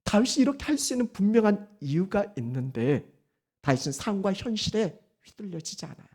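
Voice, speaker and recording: A woman pastor giving a Sunday sermon, animated and firing rhetorical questions at the congregation. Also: mid-range voice, a little fast, breathy edge.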